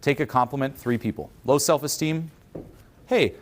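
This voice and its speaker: A man coaching an audience in a motivational conference talk, animated, often acting out the inner voices of the people he describes. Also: on the low side, fairly quick, slight background noise.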